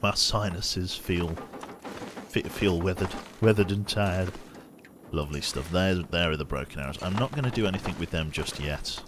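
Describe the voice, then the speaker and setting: A man with a deep voice streams a game, chatting casually at a moderate pace and muttering each action aloud as he plays. He sounds slightly sniffly and congested, and there's noise in the background.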